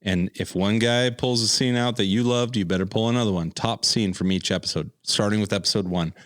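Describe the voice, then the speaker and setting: A man co-hosting a casual podcast, animated and jokey, steering the discussion. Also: lowish voice, brisk. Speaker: podcast co-host.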